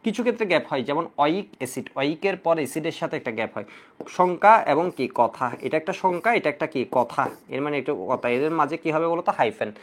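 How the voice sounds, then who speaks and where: Male chemistry tutor, exam cram lecture, animated, coaxing Q&A delivery. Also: on the high side, quick pace. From Bangladesh. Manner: lively, coaxing, asks students questions and answers them himself; repeats key rules in drilling chants. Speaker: chemistry teacher.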